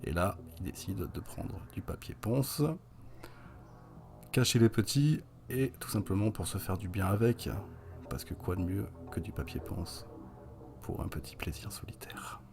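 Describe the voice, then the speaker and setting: Talking through a horror movie for a casual review, this young man has a low, rough, gravelly voice and a wry, chatty manner packed with fillers and small tangents. He goes a little slowly, and music plays behind him.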